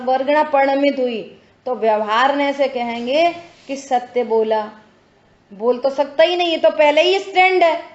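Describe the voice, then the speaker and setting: A woman giving a religious discourse who explains patiently, repeats her phrases, and asks whether listeners follow. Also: sits high. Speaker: spiritual teacher. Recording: echoey dull lo-fi room.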